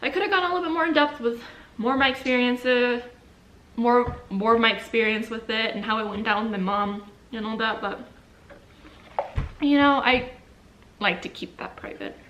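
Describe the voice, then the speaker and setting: A young woman talks to her camera at home, chatty and rambling, eating a sandwich now and then. Her voice sits a touch high and sounds bright and crisp. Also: normal speed, long pauses, slight background noise. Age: young adult. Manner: chatty, rambling, many likes and restarts. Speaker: vlogger. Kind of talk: casual chat to camera. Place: at home indoors by a window.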